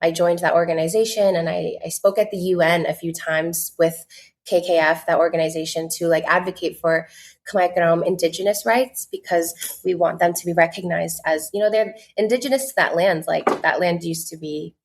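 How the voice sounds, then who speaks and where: In a casual podcast interview, a content creator in her 20s from the United States speaks at a moderate pace with a lowish voice and fairly even intonation. She's earnest and chatty, saying "like" a lot.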